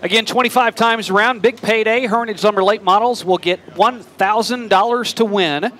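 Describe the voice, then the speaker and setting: A man's voice: high voice, moderate pace, fairly bright tone. An American man working as a motorsport commentator, calling dirt track racing in fluent announcer patter full of racing slang. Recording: noisy outdoor racetrack, engine roar behind.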